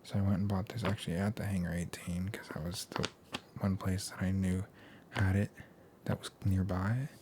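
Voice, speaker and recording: A young American man speaking in a hushed, soft ASMR voice that slips into whispers, chatting casually in a laid-back, slangy, meandering way. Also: deep voice, fairly even intonation, normal speed, noisy background. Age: young adult. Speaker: ASMR video host. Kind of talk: soft-spoken ASMR, casual rambling chat.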